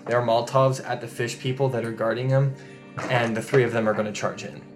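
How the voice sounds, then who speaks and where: A man's voice: mid-range voice, fairly even intonation, fairly quick, faint music behind. A man narrating a tabletop game casually as the game master.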